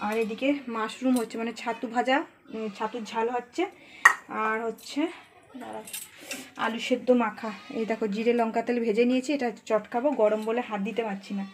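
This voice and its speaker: A woman's voice: a little high, flat delivery, a little fast, background noise. A woman vlogging at home in her kitchen, chatting straight to her viewers in a casual way. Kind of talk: casual home vlog narration.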